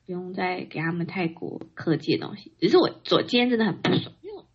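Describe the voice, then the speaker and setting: A woman co-hosting a casual chat, telling her stories animatedly and mimicking others in a high voice. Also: big pitch swings, fast, husky. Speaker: podcast co-host. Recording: dull lo-fi sound.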